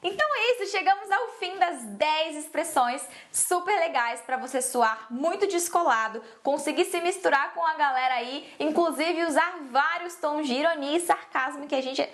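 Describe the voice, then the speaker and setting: A woman's voice: sits high, moderate pace, hardly any pauses, fairly bright tone. A woman teaching English in a casual, playful way, acting out sarcastic example phrases. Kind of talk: casual lesson to camera.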